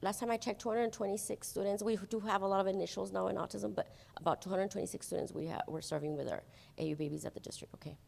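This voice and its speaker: Woman presenter, under the weather, gravelly, informal. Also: mid-range voice, fairly even intonation, quick pace, hardly any pauses, a little mellow, in a large hall. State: getting sick. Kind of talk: staff presentation.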